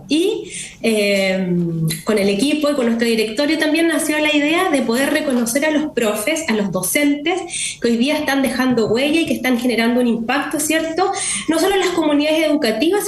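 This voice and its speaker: A woman from southern Chile with a Chilean Spanish accent appears remotely as an interview guest; she's the executive director of a nonprofit. She explains things steadily, often tacking on tag questions, and her voice sits high. The remote connection picks up an echoey room with faint noise.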